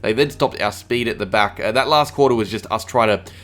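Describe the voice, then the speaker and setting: An Australian man hosts a solo sports review, a little under the weather with a cold. He talks at a brisk clip in a lowish voice and peppers his sentences with "uh" fillers. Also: fairly bright tone. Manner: rapid, with frequent "uh" fillers. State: a little sick. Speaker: fan channel host.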